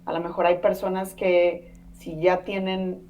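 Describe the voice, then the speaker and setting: Speaking in a lowish, slightly mellow voice with a level tone and measured pace, this Mexican woman in her thirties is a podcast guest in a casual conversational interview. Her first language is Spanish, and her chatty talk is dotted with fillers and tag questions; the mic is distant.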